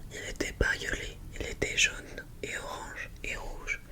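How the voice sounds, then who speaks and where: An ASMR host reading a children's picture book aloud in a hushed library whisper, with gentle phrasing and small asides to listeners. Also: measured pace.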